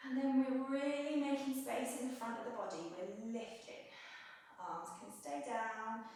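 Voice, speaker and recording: A woman's voice: a little high, steady tone, unhurried. Slightly breathless woman guiding a yoga class. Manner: gentle, encouraging instructions with breath cues, light self-mocking asides. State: slightly out of breath while moving. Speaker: yoga instructor. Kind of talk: guided yoga class cueing. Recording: echoey room, mic set at a distance.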